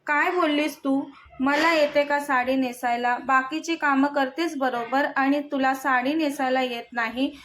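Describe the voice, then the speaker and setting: A woman's voice: high-pitched, steady tone, unhurried, a bit bright, a little hiss or hum. A woman voicing a domineering young husband in a spoken storybook, scolding harshly. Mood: angry scolding. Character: stern, domineering young husband, quick to anger.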